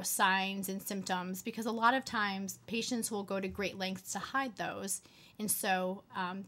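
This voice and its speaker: A woman's voice: medium pitch, a bit bright. Earnest young woman, med student. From United States. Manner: earnest, frequent um fillers. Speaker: medical student guest. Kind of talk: interview answers.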